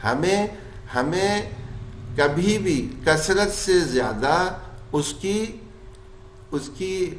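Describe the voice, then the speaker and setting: A man teaching a tajweed class, explaining the rules and then stretching words out slowly in chanted recitation, asking questions and answering them himself. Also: high-pitched, lively intonation, a little hiss or hum. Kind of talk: tajweed lesson with recited examples. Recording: roomy echo.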